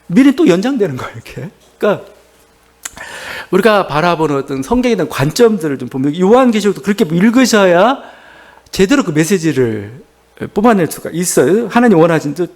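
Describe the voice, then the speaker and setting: Man, church pastor mid-sermon; high, swooping delivery that quizzes the congregation and acts out dialogue. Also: a little mellow. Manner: rhetorical questions to the congregation; breaks into paraphrased dialogue. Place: church service.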